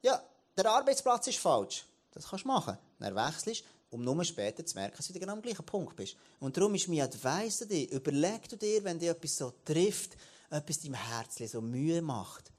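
A man, preaching to his church in an animated way, often restarting and repeating words. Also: mid-range voice. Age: late 30s. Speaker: church leader. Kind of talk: sermon.

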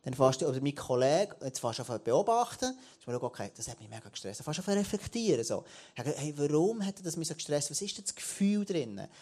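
Man, late 30s, church leader giving a sermon, animated delivery with frequent restarts. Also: fairly high pitch, fast talker.

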